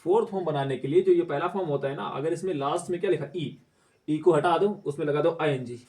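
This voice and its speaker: Male teacher, somewhat high voice, recorded from a distance, drills words aloud by repetition. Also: quick pace, mellow. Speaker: English teacher. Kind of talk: spoken English lesson.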